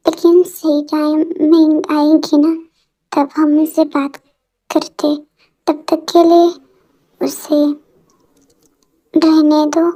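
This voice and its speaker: Woman voicing an earnest, concerned young man friend; high, slow. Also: dark tone.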